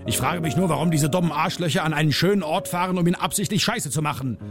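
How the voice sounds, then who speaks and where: A man voicing his own misanthropic, hot-tempered alter ego, ranting and sneering over soft piano music. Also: fairly high pitch, quick pace, close to an everyday voice. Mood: ranting scornful.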